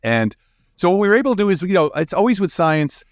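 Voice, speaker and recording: Here the man's voice runs high with big pitch swings, and he talks fast. There's no echo and the studio sound is clean. As an astrophysicist and author being interviewed as an expert, he explains in a casual, emphatic way, often asking "right?"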